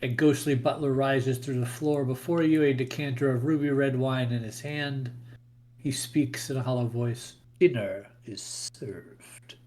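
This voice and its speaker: Guy dming a fantasy game, middle pitch, describing scenes deliberately. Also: steady tone, darkish tone. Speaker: game master and show host. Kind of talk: narrating a tabletop fantasy game.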